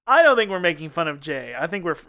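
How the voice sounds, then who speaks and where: Podcast co-host, man, lively pitch, smooth clear voice, joking. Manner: animated, joking, quick laughs. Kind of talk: casual comedy chat.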